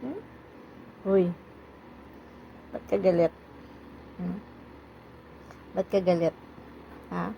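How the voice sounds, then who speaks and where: A woman's voice: fairly low pitch, steady tone, drawn-out words, gravelly, long pauses, mellow, dull audio. A woman talking to her pet cats at home in a coaxing, questioning voice, filmed on a noisy home recording. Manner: coaxing, questioning, baby-talk to animals. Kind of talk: casual talk to pets.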